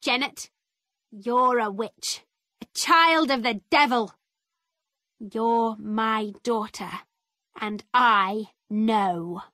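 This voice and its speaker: A woman voicing an angry mother who shouts slowly and loudly in a courtroom storybook scene. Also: no room sound, studio quality, exaggerated voice. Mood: furious. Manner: shouting, slow and high.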